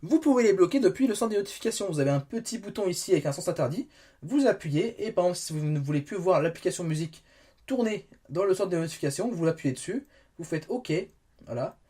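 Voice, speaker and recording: A man's voice: high-pitched, mellow, husky. A young man talking through a phone review in a casual, rambling way, often correcting himself as he demonstrates features on screen. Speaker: tech reviewer. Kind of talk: casual spoken product review.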